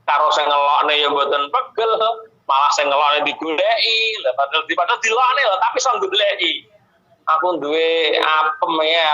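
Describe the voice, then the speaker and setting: A man's voice: fairly high pitch, sharp tone. A man with a Javanese accent preaching a sermon, reciting Arabic and then explaining it, and often speaking straight to his listeners. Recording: echoey, dull lo-fi recording.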